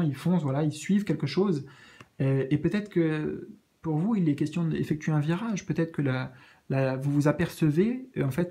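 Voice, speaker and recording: A man giving a casual spiritual card reading, gentle and reassuring, often hesitating and searching for words with many fillers. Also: on the high side. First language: French. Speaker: tarot card reader.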